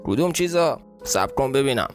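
Hagrid, a man voicing a gruff giant gamekeeper. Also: mid-range voice, animated, soft background music, natural voice. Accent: southern Iranian. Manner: blunt, indignant. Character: huge gruff male gamekeeper, hot-tempered.

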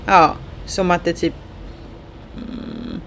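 Chatty woman with a low voice. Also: fairly even intonation, slight background noise. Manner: chatty, many fillers, acts out quotes. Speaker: guest telling her experience. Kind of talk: casual chat.

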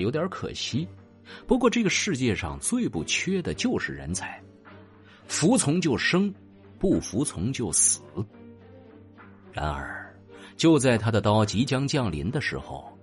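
A man narrating an audio drama with dramatic, expressive storytelling, with faint music behind him. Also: mid-range voice.

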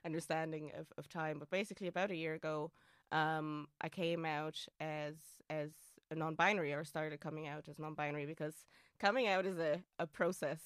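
A non-binary interview guest in their late twenties, with a feminine, low voice, comes from Austria, speaking with an Austrian German accent and German as a first language. They talk thoughtfully and casually, with many fillers and restarts. The studio-quality recording is clean, with no room sound.

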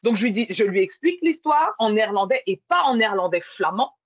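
A woman's voice: medium pitch, animated, fast talker, breathy edge, no room sound. A woman telling a long personal story in casual conversation, with many fillers. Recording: muffled lo-fi sound.

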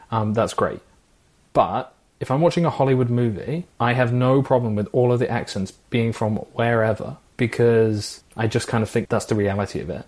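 A man co-hosting a film podcast, speaking in a measured, reasonable way. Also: medium pitch, a little mellow. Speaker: podcast co-host. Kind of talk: casual chat.

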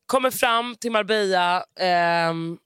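A woman's voice: fairly low pitch, clear, resonant tone, dry recording, studio quality. A woman co-hosting a podcast, telling a story with lots of swearing and acting out both sides of a conversation. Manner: animated storytelling, acts out dialogue, swears freely. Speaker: podcast co-host. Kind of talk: casual chat.

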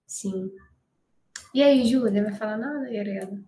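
A woman's voice: mid-range voice, unhurried, dark tone. A woman hosting a podcast, talking in a chatty way and turning to her guests to bring them into the conversation. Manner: chatty, addresses the guests directly. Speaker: podcast host. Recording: roomy echo with faint noise.

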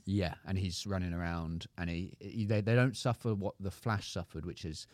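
A man's voice: low-pitched, fairly even intonation, normal speed, no room sound. A man co-hosting a podcast in a studio, chatting casually and telling long stories with many restarts. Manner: rambling storyteller with many restarts. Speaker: podcast co-host. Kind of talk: casual chat.

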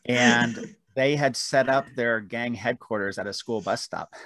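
A man's voice: medium pitch, unhurried, bright, forceful tone. A man guest telling rambling, self-deprecating stories about his book in a casual interview, with frequent restarts. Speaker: author guest.

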